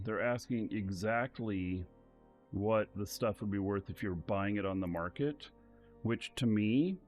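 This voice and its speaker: A man casually commentating a game live stream, thinking aloud in a relaxed way. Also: on the low side.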